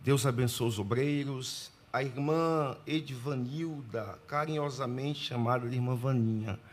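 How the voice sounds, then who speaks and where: A man from Pernambuco, Brazil, preaching as a guest at a church, greeting the congregation and reading scripture in a formal, deliberate way with measured pauses. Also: mid-range voice, a little hiss or hum. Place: church sanctuary.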